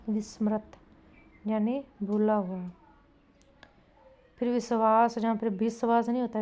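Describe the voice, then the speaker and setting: A woman's voice: medium pitch, warm tone, muffled recording. A woman teaching Hindi spelling to exam students, repeating each word and quizzing the class. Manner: repetitive, drilling, asks students questions.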